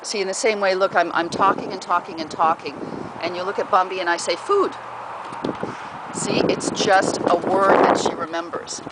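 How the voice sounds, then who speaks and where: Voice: mid-range voice, steady tone, brisk. A pet owner casually giving puppy training advice at home, rambling with many fillers and often breaking off to talk to the pets. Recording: noisy home recording.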